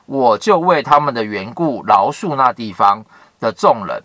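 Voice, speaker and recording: A man voicing a solemn divine judge who speaks in a measured way, read from a Bible story. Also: mid-range voice, lively intonation, fairly bright tone, dry recording. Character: solemn divine male voice of judgment.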